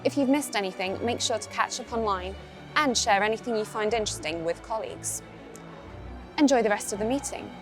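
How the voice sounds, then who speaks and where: A woman's voice: medium pitch, a little fast. A woman presenting a conference TV show in a polished, upbeat scripted delivery. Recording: music bed underneath.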